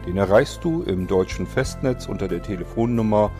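A man's voice: fairly low pitch, expressive, normal speed, dark tone. A man reading the closing announcement of an audio production in a plain, informative manner. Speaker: podcast announcer. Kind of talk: scripted outro. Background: music.

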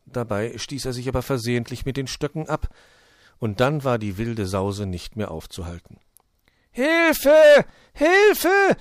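A man reading a children's story aloud in an expressive, lively manner. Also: medium pitch, dry recording, studio quality. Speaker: narrator.

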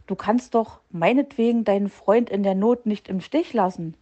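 A woman voicing a sly male fox who fakes being ill, wheedling and quick to take offence. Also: mid-range voice, dark tone, highs cut off, close to an everyday voice. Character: sly scheming male fox faking illness.

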